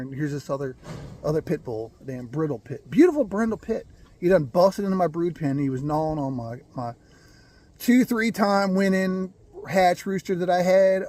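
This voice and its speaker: A man telling a rambling, folksy story about his birds, clearing his throat now and then. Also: fairly high pitch, darkish tone. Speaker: gamefowl breeder. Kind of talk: casual storytelling.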